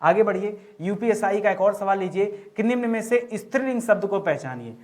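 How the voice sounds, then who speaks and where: High-voiced man teaching a grammar lesson. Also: brisk, a little mellow. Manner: repeats questions back to the viewers, calling them friends. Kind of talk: exam-prep grammar lesson.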